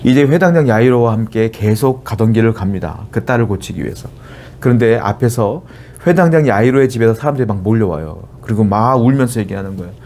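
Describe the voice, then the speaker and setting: A man's voice: on the low side, lively intonation, fast, darkish tone, slight background noise. A middle-aged man preaching a sermon as a pastor, earnest and at times emphatic as he exhorts his congregation.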